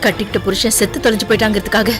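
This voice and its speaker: A woman dubbing a cold, defiant young widow who openly defends her scheming, over a loud film score. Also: medium pitch, level tone, racing, over music, lightly acted. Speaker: dub actor. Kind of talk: dubbed film drama.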